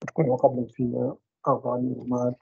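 A man giving a university radiology lecture, trailing off mid-phrase into drawn-out fillers. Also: medium pitch, flat delivery, vocal fry, darkish tone, slightly rough. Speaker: medical lecturer. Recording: dull lo-fi dry recording.

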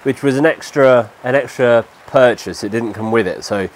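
A DIY vlogger in his thirties, stuffy-nosed from a cold, casually talks through a job step by step while working outdoors beneath a shelter. His mid-range voice moves at a moderate pace. A lapel mic picks him up, with light rain audible behind.

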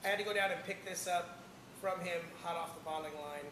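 A man's voice: sits high, fairly quick, roomy sound, background noise. A man in his thirties co-hosting a beer show, upbeat and announcer-like in casual chat. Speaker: show co-host. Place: bar with bottle shelves, indoors.

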